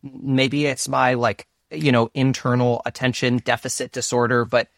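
Animated man with a dry-sounding voice. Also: medium pitch, normal speed, creaky, dry recording. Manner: animated, self-deprecating, rambling. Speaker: guest. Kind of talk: casual interview chat.

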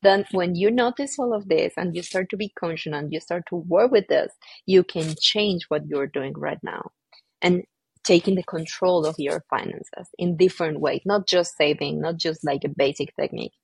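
Husky, gravelly woman explaining earnestly. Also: fairly low pitch, normal speed, no room sound. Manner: earnest, explanatory, non-native phrasing. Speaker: guest. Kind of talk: conversational interview.

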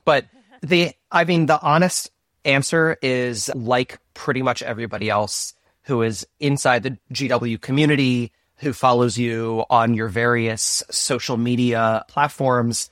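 Animated man with a dry-sounding voice. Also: mid-range voice, no room sound. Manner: animated, self-deprecating, rambling. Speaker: guest. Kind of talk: casual interview chat.

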